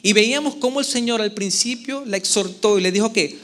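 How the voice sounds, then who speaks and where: High-pitched preacher guy giving a sermon in church, expressive, keeps asking the crowd stuff. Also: brisk. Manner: expressive preaching, asks the congregation questions. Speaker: pastor. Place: church service before a congregation.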